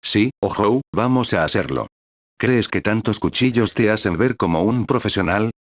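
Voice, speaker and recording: A man's voice: lowish voice, lively intonation, normal speed, no echo, studio quality. A man reading the lines of a brash young male cook, aggressive and insulting.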